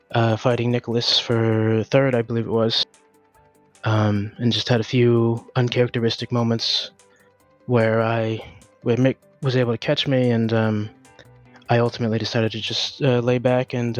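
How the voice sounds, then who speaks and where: A man's voice: mid-range voice, flat delivery, normal speed, faint music behind. Breathless man in a post-race interview. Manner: hesitant, filler-heavy, candid. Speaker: racing driver.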